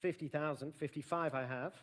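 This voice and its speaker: A man's voice: on the high side, fairly even intonation, fairly quick, a bit bright. A man working as an auctioneer, formally and courteously announcing lots and calling out bids at a live sale.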